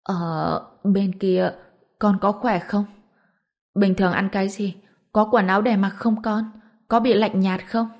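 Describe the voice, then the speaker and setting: A woman's voice: mid-range voice, moderate pace, darkish tone, lightly acted. Woman reading a doting elderly mother. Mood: tearful, doting. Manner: anxious, doting questions. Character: elderly mother, fussing and tender. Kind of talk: storybook narration.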